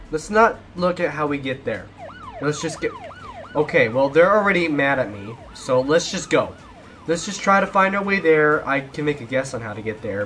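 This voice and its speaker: A man's voice: on the high side, fairly bright tone. A young man giving casual gameplay commentary while driving from police, often repeating himself when things go wrong. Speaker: gaming YouTuber.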